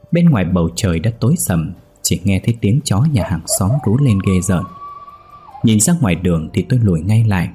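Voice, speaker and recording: A male storyteller reads a first-person ghost story in a somber, measured manner. His voice is deep, dark and strongly husky. Faint music plays underneath. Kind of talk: horror story narration.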